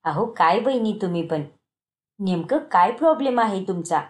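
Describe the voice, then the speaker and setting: A woman voicing a sly teenage girl, the younger sister-in-law, who talks defensively and pleads in a lowered voice. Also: expressive, normal speed, close to an everyday voice. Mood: defensive pleading.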